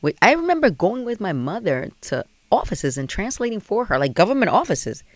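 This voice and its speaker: A woman host talks fast, her pitch leaping around as she teases her guest and switches between English and Spanish. Her voice sits slightly low. The sound is close and dry. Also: dry recording. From Dominican family. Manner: animated, teasing, quick code-switching. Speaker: podcast host. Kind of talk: casual bilingual interview chat.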